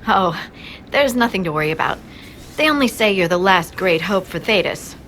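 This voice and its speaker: An actress playing a friendly, dutiful young army scout in a fantasy video game, giving an earnest briefing. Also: female voice, mid-range voice, lively intonation, moderate pace, fairly bright tone, slight background noise, close to an everyday voice. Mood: friendly, puzzled. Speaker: game character reporting to the player. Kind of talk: scripted fantasy game dialogue. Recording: game audio with music underneath.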